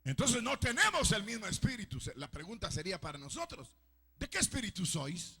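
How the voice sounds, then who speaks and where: A Salvadoran pastor preaching a fiery sermon in a very high, husky voice that climbs and falls across a lively range. His tone is sharp and bright, and he keeps bursting into shouts. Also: brisk. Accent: Salvadoran Spanish. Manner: preaching with frequent shouted outbursts.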